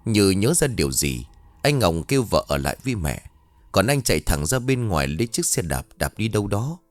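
A man narrating a ghost story in a dramatic, expressive storytelling style. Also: fairly low pitch, brisk, no echo.

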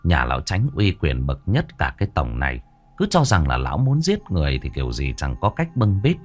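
A man narrating a ghost story in a dramatic, expressive way. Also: a bass voice, a little fast, faint music behind.

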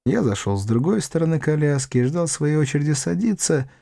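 Male audiobook narrator, measured and expressive; fairly high, lively voice, dry close recording. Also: vocal fry, dry recording.

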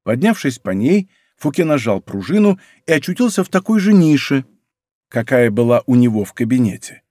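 A man's voice: mid-range voice, sing-song, normal speed, warm tone, dry recording. Man narrating a historical novel, dry. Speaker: audiobook narrator. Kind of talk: scripted literary narration. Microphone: close studio microphone.

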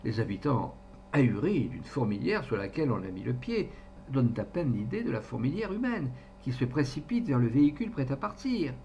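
A man giving an expressive literary reading as an audiobook narrator, acting out voices along the way. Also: medium pitch, brisk. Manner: animated, acts out the quoted voices. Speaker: audiobook reader. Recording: dull recording with faint hum.

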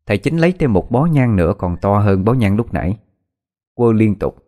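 A man narrating a scripted horror story in a steady, measured way. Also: on the low side. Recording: faint background music.

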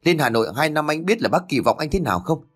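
A man's voice: fairly high pitch, expressive, fast talker, fairly bright tone, slightly rough, pitched above the performer's own voice. A man putting on an indignant young woman. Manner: rebuking, heated, tearful pleading. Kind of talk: audiobook character reading.

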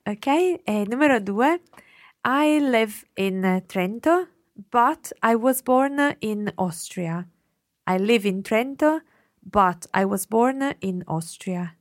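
A woman teaching Italian, reading out sentences and explaining grammar with clear patience. Her voice sits at a middling pitch. The recording is dry and close. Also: expressive, slow, no echo. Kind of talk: language lesson.

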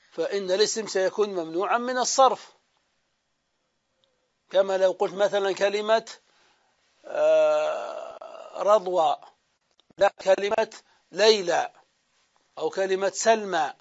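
A man teaching a classroom grammar lesson. He explains step by step, asks his own questions and answers them, and draws out example words as he repeats them. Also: sits high. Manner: drawn-out repetition of example words. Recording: dull lo-fi lecture recording.

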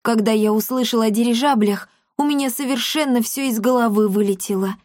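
A woman voicing an excitable, boastful young boy in a storybook reading. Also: on the high side, a little fast, dry recording, studio quality, close to an everyday voice. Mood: eager.

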